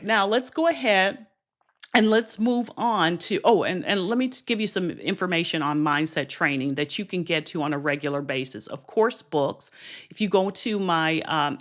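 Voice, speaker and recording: A woman's voice: mid-range voice, fairly bright tone. A woman business coach talking directly to viewers on a livestream, encouraging and direct, with asides to her audience. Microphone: streaming camera setup.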